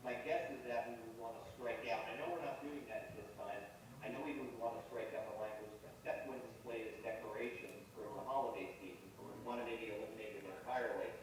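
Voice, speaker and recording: A man speaking at a public meeting in a measured, methodical way, laying out his points in order, with a heavy canyon-like echo on his voice. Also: fairly low pitch, steady tone. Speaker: council member. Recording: echoey room audio from far off, noisy.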